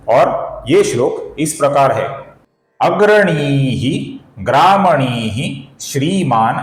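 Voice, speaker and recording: A man teaching the correct pronunciation of chanted verses, explaining step by step and chanting the lines slowly. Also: on the high side, reverberant. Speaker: Sanskrit recitation teacher. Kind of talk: slow spoken tutorial with chanted verses.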